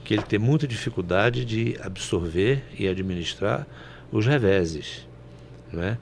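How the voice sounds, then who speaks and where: A man's voice: lowish voice, measured pace, gravelly, slight background noise. A man from Brazil commenting on politics on a panel show, folksy and anecdotal, often ending with "né?".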